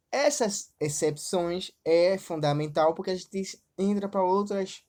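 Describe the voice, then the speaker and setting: A woman teaching a slide-based Spanish lesson, explaining step by step, often checking in with quick questions, and saying example words slowly with stress. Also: sits low, dark tone, a little hiss or hum. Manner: explanatory, frequently checks in with "certo?" and "ok?".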